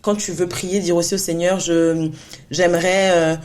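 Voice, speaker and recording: A woman's voice: lowish voice, level tone, moderate pace, a little mellow. A woman in her thirties, co-hosting a faith podcast in an earnest, encouraging, casual way, with frequent laughs and restarts. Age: 30s. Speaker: podcast co-host.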